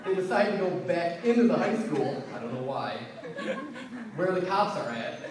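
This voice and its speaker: A young man giving a best man's wedding toast, telling informal, joking anecdotes with pauses. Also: high voice, very animated. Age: young adult. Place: large reverberant room at a wedding reception. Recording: echoey noisy room, distant mic.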